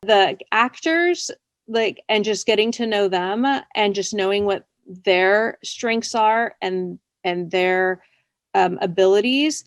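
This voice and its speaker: In an interview about her work as a scriptwriter, a woman talks casually and rambles, often saying "like" and "you know." She speaks slowly in a medium-pitched voice, with no echo.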